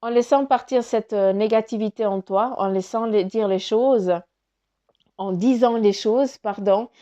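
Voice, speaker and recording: A woman's voice: fairly high pitch, a little slow, mellow, dull audio. A woman giving a casual spoken card reading, rambling with many fillers and restarts, her nose stuffy from crying. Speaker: spiritual card reader.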